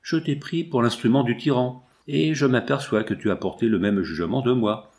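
A man doing a wounded old knight at death's door, speaking in a weak, faltering way from a storybook, his pitch middling and steady. He pleads with slow, failing breath. The delivery stays close to a plain reading voice. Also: close to an everyday voice. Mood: faltering, pleading. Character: dying wounded older knight, a grave father.

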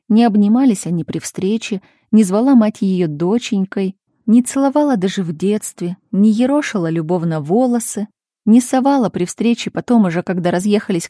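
Dark-voiced woman narrating a story. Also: medium pitch, dry recording, clean studio sound. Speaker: audiobook narrator. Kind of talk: scripted narration.

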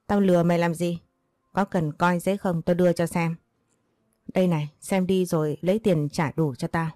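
A woman's voice: fairly low pitch, steady tone, normal speed, darkish tone, no room sound, lightly acted. A woman voicing a harsh older village moneylender woman who talks bluntly and rudely. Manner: blunt, bullying, rude.

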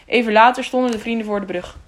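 A woman narrating a children's novel as an audiobook in a calm, measured way. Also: fairly high pitch.

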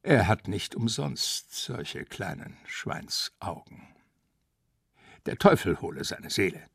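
A man's voice: low-pitched, sing-song, slow pace, gravelly, a bit bright, husky, no echo, heavily acted. A man reading out a grumbling middle-aged canvasser who gossips with scorn about a stingy man. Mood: scornful. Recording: dry close studio sound.

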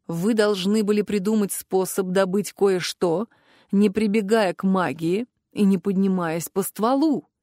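Woman voicing a stern male curator, icy, sarcastic, low measured commands, slow delivery, dry close sound, audiobook. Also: dark tone, no room sound, close to an everyday voice. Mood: cold stern. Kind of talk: audiobook character voice.

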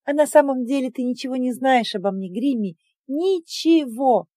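A woman doing a sharp-tongued, defiant young maid. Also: no echo, studio quality. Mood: scornful. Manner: quick, heated, high-pitched retorts. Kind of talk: audiobook character voice.

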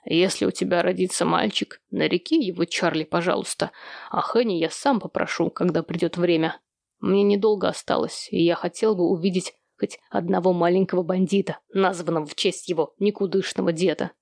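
A woman's voice: on the low side, fairly even intonation, fairly quick, gravelly, a little mellow, no room sound, studio quality. A woman voicing an old grandfather who rattles on, pleading and guilty.

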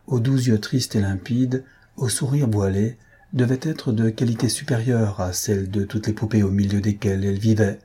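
Husky, low-voiced male audiobook narrator. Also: mellow. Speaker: audiobook reader. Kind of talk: scripted narration of a classic novel.

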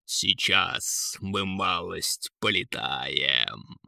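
A man playing a deep, slow, teasing giant eagle. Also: expressive, vocal fry, bright, forceful tone, no room sound, studio quality, heavily acted. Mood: calm, playful. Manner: slow, mocking drawl. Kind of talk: audiobook character voice.

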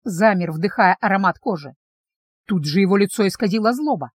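A woman's voice: medium pitch, animated, brisk, slightly rough. Woman narrating a novel in first person. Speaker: audiobook narrator.

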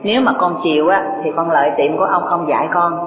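A woman's voice: lowish voice, quick pace, pitched below the performer's own voice, close to an everyday voice. A woman playing a middle-aged male dye-shop owner in a sermon story. She gives him a blunt but fatherly way of talking, with an echoey hall sound. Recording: tinny, echoey hall recording.

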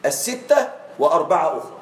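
A man teaching Arabic grammar to a class. He often checks that his students follow along and draws out the example forms slowly. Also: a little high, very animated, echoey room, rough recording. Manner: checks on students with frequent questions; drawn-out slow spelling of example forms.

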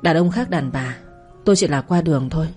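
A jealous young husband snaps his words out harshly, read by a woman in her own voice. The tone is low and husky with a warm, soft color, and faint music plays under the storybook reading. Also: brisk. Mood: scolding. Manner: harsh, controlling.

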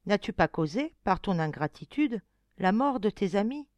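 A woman's voice: medium pitch, very animated, moderate pace, a little mellow, dry recording, natural voice. A woman reading a stern accusing toad. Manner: stern, reproachful. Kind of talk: audiobook reading.

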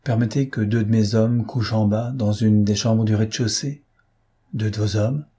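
An elegant young gentleman thief talks in a calm, courteous way and offers protection. His voice is low and mellow, with a slight huskiness, as a male narrator does him. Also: moderate pace, breathy edge. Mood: reassuring.

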